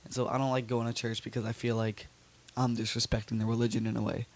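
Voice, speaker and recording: A man's voice: medium pitch, level tone, fast talker. A young man co-hosting a casual podcast, talking hesitantly with many fillers. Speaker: podcast co-host. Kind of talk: casual chat.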